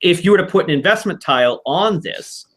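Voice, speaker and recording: A man's voice: high voice, expressive, brisk, fairly bright tone. A man hosting a casual online board game club, explaining rules and strategy in a rambling way with frequent restarts.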